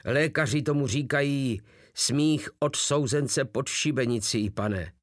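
A man voicing a frightened soldier who rattles off hurried, stiffly formal replies, in an audiobook reading. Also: medium pitch, no room sound, clean studio sound, close to an everyday voice. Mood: nervous. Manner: hurried, nervous military replies.

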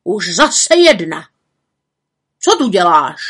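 A woman voicing a bossy, gruff male forester in a storybook reading, barking and scolding in a loud voice. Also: medium pitch, expressive.

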